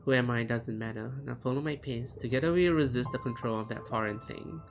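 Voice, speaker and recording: A performer voicing a calm, protective game guide, solemn and reassuring. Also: mid-range voice, a little fast, creaky, natural voice. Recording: music behind the voice.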